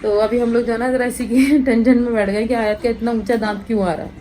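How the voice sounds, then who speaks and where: A chatty mother in her thirties talks to her viewers at home, now and then turning to her children. Her voice sits a little high. Faint background noise runs under her. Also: fairly even intonation, fast, warm tone, poor audio. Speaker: vlogger, mother. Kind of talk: casual home vlog chat.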